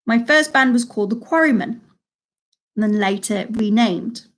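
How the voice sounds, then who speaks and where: Chatty quiz-hosting woman, higher voice. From Salford, England. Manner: chatty, reads questions slowly and repeats them. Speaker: quiz host. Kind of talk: live-streamed pub quiz hosting. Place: home.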